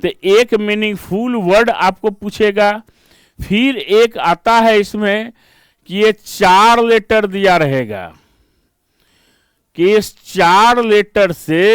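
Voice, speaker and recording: A man with an Indian accent gives an exam-prep reasoning lesson, walking through each step and pausing to ask rhetorical questions. His voice sits high and sounds crisp and clear. The recording is dry and close. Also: no echo. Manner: explains step by step, mixing Hindi and English, asks rhetorical checks. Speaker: reasoning teacher.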